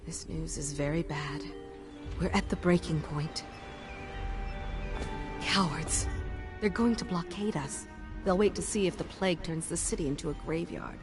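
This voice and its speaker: A woman's voice: low-pitched, measured pace, pauses often, over music. An actress playing a dignified, caring empress and devoted mother in a video game. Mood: troubled.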